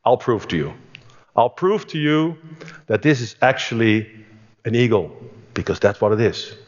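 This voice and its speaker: A man voicing the farmer's earnest friend, who speaks in a slow, proclaiming way in a reverberant hall. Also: mid-range voice, sing-song, lightly acted. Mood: solemn. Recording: reverberant hall, dull sound.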